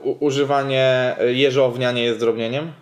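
A man co-hosting a podcast, calm and measured, often pausing with fillers. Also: mid-range voice. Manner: hesitant, many fillers, measured. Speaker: podcast co-host. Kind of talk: casual podcast chat.

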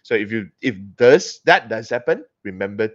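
A man's voice: lowish voice, lively intonation, normal speed. Singaporean man chatting in Singlish slang. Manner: colloquial Singlish slang English, peppered with 'lah'. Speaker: live show host. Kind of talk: casual chat. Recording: dull, band-limited audio.

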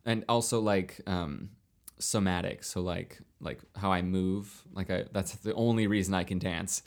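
A young man telling a long story in casual chat, rambling with many fillers and restarts, lively when he quotes others. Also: sits low, a little slow. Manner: animated when quoting others.

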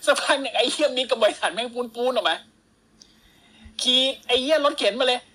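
A woman's voice: high-pitched, expressive, brisk, bright, forceful tone, slightly rough. A woman co-hosting a casual wrestling podcast, retelling matches in crude slang and acting out the wrestlers' lines. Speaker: podcast co-host. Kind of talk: casual wrestling recap chat.

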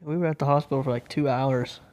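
A man's voice: medium pitch, fairly even intonation, fast talker, a little mellow. A young man co-hosting a podcast, teasing his friend in a dry way. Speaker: co-host. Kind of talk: casual chat.

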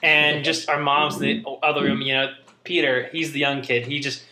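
A man's voice: on the high side, flat delivery, moderate pace, roomy sound, very noisy. A young man, a podcast co-host, telling family stories in casual chat, rambling and interrupting himself with laughs.

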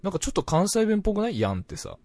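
Young man, Hakata accent, casual co-host chat, voice leaps all over in pitch, loud bursts dropping to mumbles. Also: racing, dry recording. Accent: Hakata dialect. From Fukuoka, Japan. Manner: animated, swings between loud bursts and mumbled asides.

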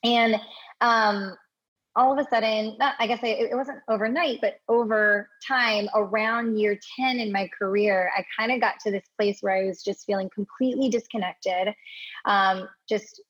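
A woman's voice: medium pitch, steady tone, normal speed, fairly bright tone, breathy edge. A woman in her thirties from Hawaii, a guest in an interview, telling her story in a chatty way and often adding "right?" and "you know". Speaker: podcast guest. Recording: dull lo-fi audio.

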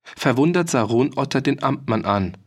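A man narrating an audiobook in a calm, even storytelling manner. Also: mid-range voice, normal speed.

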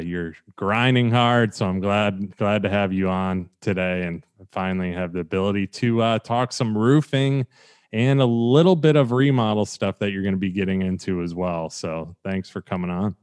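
Man, podcast host, very low voice, smooth tone, rambling, friendly. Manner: rambling, friendly, frequent uh fillers. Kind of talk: casual interview.

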